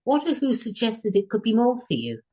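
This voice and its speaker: A woman's voice: fairly high pitch, sing-song, normal speed, warm tone, breathy edge. A woman hosting a book podcast, asking questions and encouraging her guest with short replies. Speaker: podcast host. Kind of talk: podcast interview.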